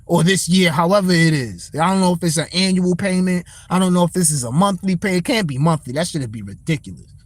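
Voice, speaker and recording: A man's voice: high voice, fast, slightly rough, no room sound. A young man hosting a casual boxing talk livestream, speaking, blunt and profane as he answers his chat. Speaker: livestream host.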